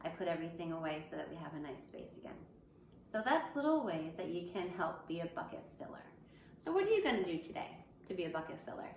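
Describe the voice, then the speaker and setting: In a faintly noisy, echoey room, a female elementary school teacher with a lowish, slightly bright voice reads a picture book aloud. She also speaks directly to the young children in simple, encouraging phrases.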